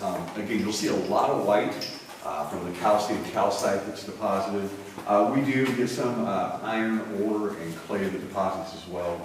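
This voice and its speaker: A man with a lowish, very animated voice leads an informal cave tour as the guide. He talks in a folksy, joking way to his group. The sound echoes heavily around the cave, with clear background noise. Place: inside a cave. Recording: echoing cave, far mic, noisy.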